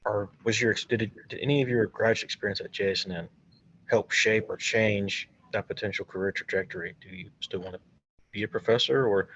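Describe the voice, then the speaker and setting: A man's voice: lowish voice, muffled recording, a little hiss or hum. A young man in his twenties, a graduate student moderating a seminar interview over a video call, asking loose questions with restarts.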